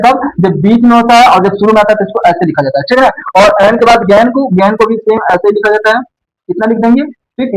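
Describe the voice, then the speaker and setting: High-voiced man patiently teaching a lesson. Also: rough recording. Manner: explains slowly, repeats words, checks in with "ठीक है ना". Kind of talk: step-by-step script lesson.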